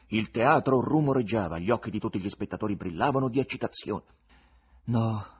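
Husky-voiced man narrating a novel. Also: on the low side. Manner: expressive, dramatic narration. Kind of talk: audiobook reading of a novel.

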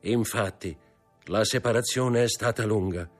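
A man voicing a grave, nervous older male impostor in an audiobook, with a husky voice. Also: fairly low pitch, a little slow, faint music behind, voice pushed up. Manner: grave, stiff, formal.

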